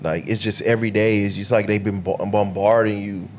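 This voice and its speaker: A man co-hosting a podcast, trading animated, profane opinions in a casual group debate. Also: on the low side, fairly quick, a little hiss or hum. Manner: animated, profane, acts out quoted people. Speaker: podcast co-host.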